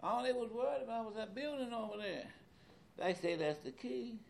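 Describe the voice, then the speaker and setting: A man in his seventies in a casual conversation as an interviewee, animated and repetitive, with loose colloquial speech. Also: very high voice, moderate pace, vocal fry, a little hiss or hum. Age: 70s. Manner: animated, repeats words, loose colloquial grammar.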